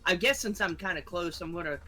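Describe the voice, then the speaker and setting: A man playing a tabletop role-playing game, quick to jump into character. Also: high voice, sharp tone, faint music behind. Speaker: player.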